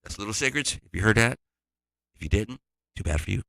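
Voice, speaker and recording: A man's voice: lowish voice, expressive, a little fast, gravelly, fairly bright tone, dry recording. A man who produces music, talking casually through a tutorial, rambling and restarting his sentences.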